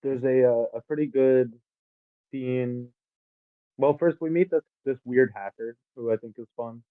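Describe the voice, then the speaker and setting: A man's voice: medium pitch, steady tone, measured pace, no echo. A man co-hosting a podcast, chatting casually about a film and recapping its plot with the odd swear word. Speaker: podcast co-host. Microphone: faulty microphone. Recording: tinny phone-like mic.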